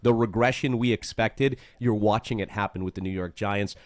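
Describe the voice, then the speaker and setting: Male betting-show host, deep-leaning and punchy, dry booth sound, leans on repetition. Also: moderate pace, no room sound. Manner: emphatic, asks rhetorical questions and repeats for effect. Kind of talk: casual betting-picks chat.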